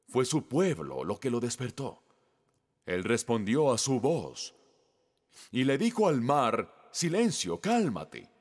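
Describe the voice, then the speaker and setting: A man's voice: mid-range voice, darkish tone. A middle-aged man preaching a sermon as pastor, telling the story with emphatic swings in his delivery.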